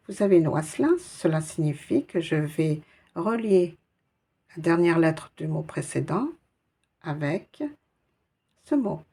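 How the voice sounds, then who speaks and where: A woman's voice: deep voice, vocal fry, mellow, breathy edge. A woman teaching Arabic reading in a patient, encouraging way, naming each letter and sound one by one. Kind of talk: slow step-by-step reading lesson.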